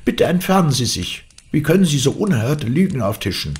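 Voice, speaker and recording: A man's voice: mid-range voice, very animated, a little fast, voice pushed up, lightly acted. A man reading an audiobook aloud, voicing a stern older housekeeper who scolds sharply. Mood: indignant.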